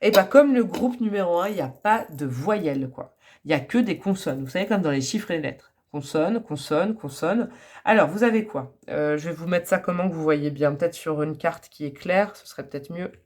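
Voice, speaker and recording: A woman's voice: on the low side, expressive, fairly quick, a little mellow. A woman giving a casual tarot reading to camera, chatty and rambling, with frequent fillers and small laughs. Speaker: tarot card reader.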